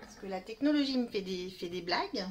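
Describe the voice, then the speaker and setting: Over a noisy background, a woman with a medium-pitched, animated voice talks briskly while hosting a live crafting demonstration. French is her first language, and she's chatty, greeting viewers as she works and apologizing for camera trouble.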